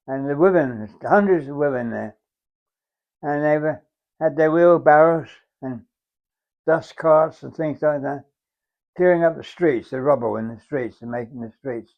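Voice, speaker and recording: A very old English man, around a hundred, reminisces as a war veteran. His voice sits a little high for a man, and he talks in a halting, reflective way, circling back over phrases. The recording is somewhat dull and muffled. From England. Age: very old, around 100. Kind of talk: unhurried oral-history reminiscence.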